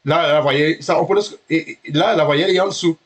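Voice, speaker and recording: Teaching a beginner Hebrew class, a man with a somewhat high voice speaks haltingly and corrects himself. He patiently checks that his students understand.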